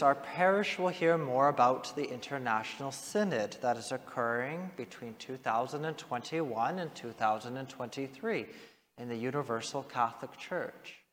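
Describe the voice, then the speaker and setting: A man speaking as a priest in a formal, measured liturgical delivery, his voice echoing long through a large church. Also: mid-range voice. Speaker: priest reading the Gospel and preaching. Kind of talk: liturgical reading and parish address. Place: large reverberant church interior. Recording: long cathedral-like echo, large reverberant church.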